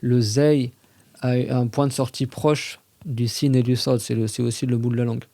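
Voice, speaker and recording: A man explaining religious texts in a relaxed, conversational way, as if chatting with younger listeners. His voice is mellow and warm. The sound is close and dry, with no room around it. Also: medium pitch, no echo. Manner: conversational, recites Arabic verses slowly and carefully. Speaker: religious teacher on a podcast. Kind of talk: casual explanatory lesson.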